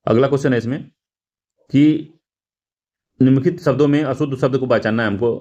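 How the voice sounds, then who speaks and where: A man's voice: mid-range voice, fairly quick, darkish tone, lo-fi sound. A male teacher going through exam practice questions, repeating words and correcting himself, with frequent fillers. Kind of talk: explaining test answers.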